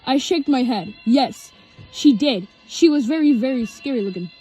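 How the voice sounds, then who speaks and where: High, lively woman reading her story. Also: husky, faint music behind. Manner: halting, with restarts. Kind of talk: reading own homemade story aloud.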